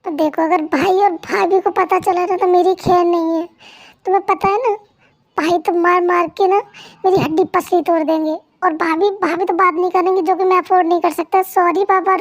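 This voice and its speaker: A woman's voice: very high voice, steady tone, normal speed, no echo. A woman voicing a remorseful young husband who keeps apologizing and pleading, in a Hindi fan dub.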